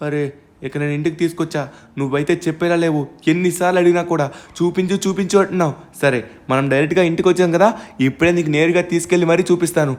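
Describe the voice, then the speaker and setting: A man hosting a gaming channel, voicing himself in a game role-play, excitable and prone to stammering and loud outbursts. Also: on the high side, very fast.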